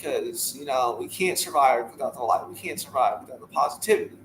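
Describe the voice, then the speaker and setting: A man in his thirties appears as a podcast guest, speaking casually in an interview, earnestly and repetitively sharing a motivational message. His mid-range voice is animated and fairly quick. The rough recording is reverberant, with a little hiss or hum.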